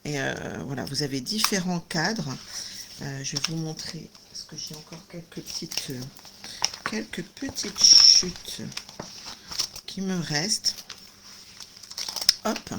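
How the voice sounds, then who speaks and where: A woman's voice: deep voice, takes it slowly, pauses often. A woman hosting a casual craft video, chatty and enthusiastic, full of little fillers and exclamations. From France. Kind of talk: casual live unboxing chat. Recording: noisy home recording.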